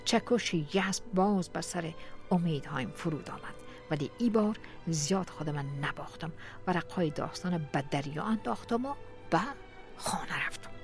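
Storyteller: woman, low-pitched voice, soft music behind. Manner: steady, expressive reading. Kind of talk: storytelling narration.

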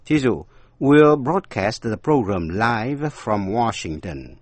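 A man's voice: on the low side, big pitch swings, slow, no echo. A man giving a scripted radio language lesson, explaining word meanings and spelling words out letter by letter. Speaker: language teacher.

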